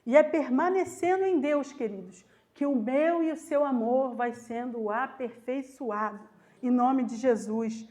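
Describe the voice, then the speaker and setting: Female preacher, Brazilian accent, high pitch, emphatic storyteller who acts out dialogue in a church sermon. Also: measured pace, a little mellow. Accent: Brazilian Portuguese.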